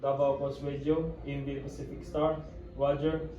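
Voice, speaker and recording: A man's voice: mid-range voice, little pitch movement, normal speed, dark tone, muffled recording. A man working as a radio operator, speaking in clipped procedure phrases over a marine VHF radio transmission in a scripted drill. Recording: far-off echoey radio with static.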